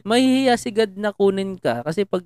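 A young man co-hosts a casual podcast chat, teasing his friend and laughing a lot. His pitch swings widely as he jokes. The sound is dry and close. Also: lively intonation, moderate pace, a little mellow, clear, resonant tone, no echo. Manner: teasing, playful, laughs often. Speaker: podcast co-host.

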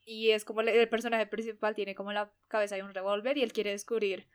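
A woman's voice: mid-range voice, flat delivery, fast, clean tone. A young woman, talking casually as co-host of an anime podcast. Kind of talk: casual chat about anime.

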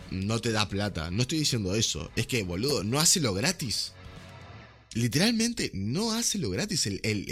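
A young male podcast host with a Rioplatense Spanish accent rants animatedly in a casual chat packed with slang. His mid-range voice sounds pushed and bright.

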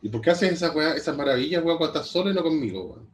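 A man's voice: on the high side, animated, very fast. A young man with a Chilean Spanish accent, co-hosting a podcast in casual banter, teasing and swearing. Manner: teasing, profane, laughing. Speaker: podcast co-host.

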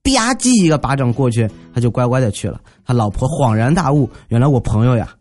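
Speaking a little fast and sounding animated yet slightly mellow, this medium-pitched podcast host tells humorous everyday stories. He keeps it chatty and jokey, acting out the quotes for his comic storytelling show.

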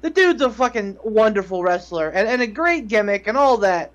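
A man's voice: high-pitched, sing-song, normal speed, a bit bright, lo-fi sound. Swearing podcast co-host, a man. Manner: heavy swearing, mocking. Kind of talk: casual banter.

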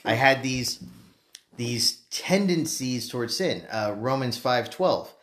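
A man co-hosting a podcast, explaining things in a measured way with many fillers and restarts. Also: mid-range voice, lively intonation, a bit bright. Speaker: podcast co-host. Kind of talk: casual podcast discussion.

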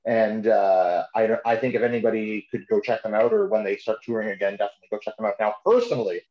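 A man's voice: fairly low pitch, fairly even intonation, fast. A man co-hosting a podcast, chatting casually about music in an informal, buddy-like way. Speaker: podcast co-host. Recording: dull, echoey room sound.

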